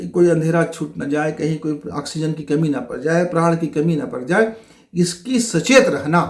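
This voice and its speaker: A man's voice: a little high, roomy sound. A middle-aged man, a spiritual teacher, giving a motivational talk that calls listeners friends and runs through long lists of rhetorical questions.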